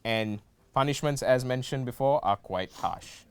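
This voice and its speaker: Young man, game show host, playful, jokey, smooth voice, dry close sound. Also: mid-range voice, a little slow, no echo. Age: young adult. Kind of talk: hosting a student game show.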